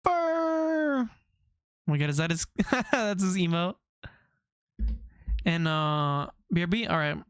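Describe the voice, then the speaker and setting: A man's voice: on the high side, unhurried, pauses often, a bit bright, clear, resonant tone, dry recording, clean studio sound. A young man streaming, chatting casually with his viewers, rambling off on tangents and laughing often.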